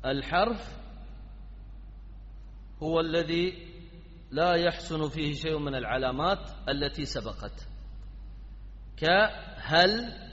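A man with a high voice teaches a grammar class at an unhurried pace. He keeps prompting his students with repeated questions. The sound is dull and lo-fi, with a long reverb trailing through the hall.

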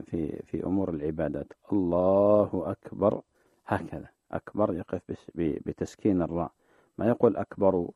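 A man, a sheikh answering religious questions on a call-in show, explaining in a measured way and drawing out the phrases he demonstrates. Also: low voice, vocal fry, breathy edge, no room sound. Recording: dry, phone-like narrow sound.

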